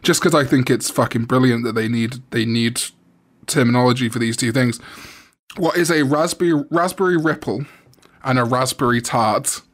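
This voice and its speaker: A man's voice: mid-range voice, moderate pace, a bit bright. A young Welsh man with a Welsh accent in casual chat, quizzing his friend with riddles, laughing often and swearing freely. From Wales.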